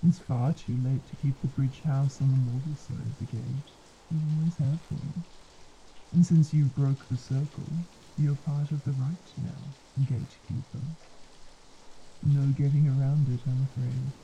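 An actor playing a sly, mocking male spirit that speaks as a disembodied voice, teasing and smooth. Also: medium pitch, level tone, unhurried, mellow, lo-fi sound, a little hiss or hum, lightly acted. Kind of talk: audio drama acting.

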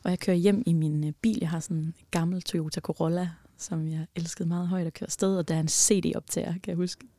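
A woman telling a personal story in casual podcast chat, animated and swinging between loud bursts and near-whispers. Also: lowish voice, hardly any pauses, no echo.

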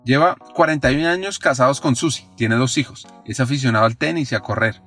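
A man hosting a podcast, reading scripted narration in a clear, measured way. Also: mid-range voice, fairly bright tone, soft background music. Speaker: podcast host.

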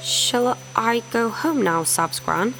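A shy, gentle helper voiced by a woman who speaks slowly and apologetically, in an unassuming mid-range voice. Soft music plays faintly behind. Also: a little high, lively intonation, creaky, exaggerated voice, poor audio. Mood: meek. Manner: slow, timid, apologetic. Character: meek, gentle helper named Taro.

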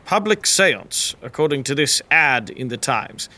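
A man playing an awkward, earnest gentleman guest in an audio comedy drama, polite, literal and halting. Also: medium pitch, big pitch swings, noisy background. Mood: eager, flustered.

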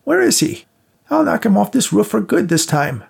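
A man voicing a spiteful, murderous old woman with a shrill, scolding voice in an audiobook. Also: sing-song, moderate pace, gravelly, breathy edge, full character voice. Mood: shrieking.

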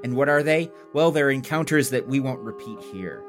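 A man narrates an improvised tabletop game as game master. He is playful and descriptive, with a lively, varied pitch and faint music behind him. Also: moderate pace.

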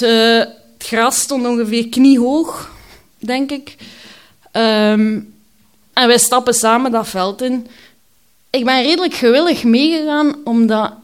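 Halting Flemish woman telling her story. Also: fairly high pitch. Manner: candid, halting, with frequent hesitations. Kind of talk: personal storytelling.

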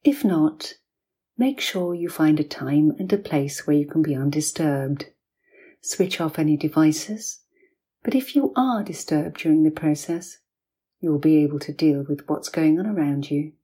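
This is a gentle, low-pitched woman's voice, hushed almost to a whisper, leading a guided hypnosis session styled like a bedtime story. Short, soothing phrases come slowly, each followed by a long silence.

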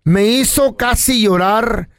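A man's voice: high-pitched, slow pace, no echo. A man co-hosting a show, telling stories with slangy jokes and frequent laughs. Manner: animated storytelling, slangy, laughs often. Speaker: radio show co-host. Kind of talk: joking Spanglish banter.

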